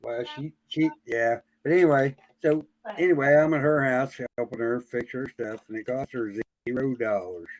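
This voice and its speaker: Male livestream host, medium pitch, blunt and informal conversational delivery. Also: moderate pace, hardly any pauses, rough recording. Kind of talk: casual chat.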